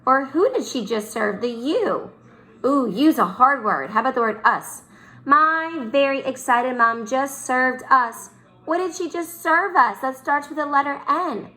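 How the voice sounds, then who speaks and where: A woman's voice: a little high, pushed and bright. A young woman teaching young children in a recorded lesson, drawing her words out in a sing-song teacher manner. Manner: slow, drawn-out, sing-song teacher talk.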